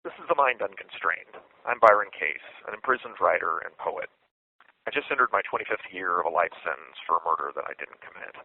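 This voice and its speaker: A man in his forties hosting a podcast from prison over a payphone call, speaking in a measured, thoughtful, reflective way. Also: sits low, animated, creaky. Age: 40s. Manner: measured, thoughtful, deliberate delivery. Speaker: podcast host and imprisoned writer. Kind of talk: reflective spoken essay. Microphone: phone handset. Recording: tinny dry phone line.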